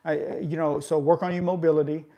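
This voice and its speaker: In a casual live chat with viewers about workouts, a fitness vlogger in his forties coaches conversationally, often tagging his points with "right?". His voice is a little high and flat, a bit fast, and the highs are cut off.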